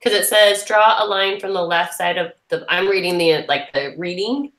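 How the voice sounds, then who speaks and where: A woman's voice: on the low side, normal speed, fairly bright tone, roomy sound. A young woman, a student, chatting and asking questions on a video call while working through homework problems with others. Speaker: student in a study group. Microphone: computer mic on a video call.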